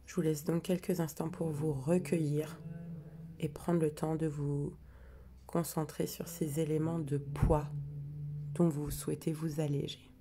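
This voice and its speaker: A woman leading a live guided meditation, speaking softly and slowly and drifting into whispers at times. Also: low voice, flat delivery, a little hiss or hum. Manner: soft, slow, partly whispered delivery.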